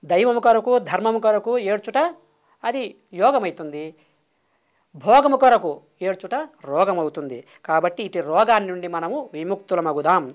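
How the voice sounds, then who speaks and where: A woman speaking as a spiritual teacher in a devotional discourse, her voice sitting at an ordinary middle pitch. She lays out her teaching in rhythmic lists of short, repeated phrases. She breaks in with long, drawn-out exclamations. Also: expressive. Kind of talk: devotional discourse answering questions.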